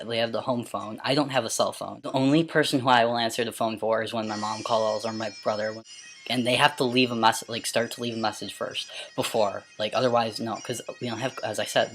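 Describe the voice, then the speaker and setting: An amateur vlogger with a mid-pitched, androgynous voice, speaking casually and stumbling now and then over words. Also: fairly bright tone. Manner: halting, stumbles over words and repeats them when reading. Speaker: amateur video blogger. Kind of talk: casual question-and-answer vlog with some read-aloud passages.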